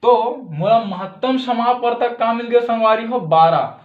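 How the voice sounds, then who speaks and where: A man's voice: very high voice, moderate pace, roomy sound, muffled recording. A man with a Chhattisgarhi accent teaching a step-by-step math lesson, often checking in with "thik hai".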